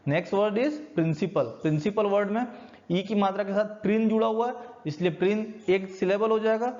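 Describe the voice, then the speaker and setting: A male teacher with an Indian accent gives a recorded classroom lecture, patiently walking through each point step by step. His voice sits high for a man. The recording is dull and lo-fi. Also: a little fast, darkish tone. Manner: patient step-by-step explaining, mixing Hindi and English. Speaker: school teacher.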